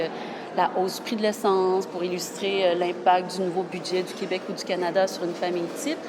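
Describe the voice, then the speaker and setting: Over a noisy background, a journalist in her thirties with a Québécois French accent talks earnestly in a relaxed interview. She's from Quebec, speaks in a mid-range voice, and often starts her phrases over.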